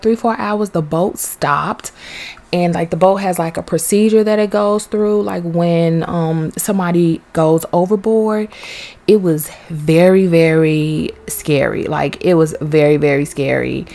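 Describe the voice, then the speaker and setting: A woman vlogger with a son, chatting casually and telling a story while touring a game world. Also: lowish voice. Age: young adult to middle-aged, has a son. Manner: chatty, animated, swears casually. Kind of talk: casual storytelling over gameplay.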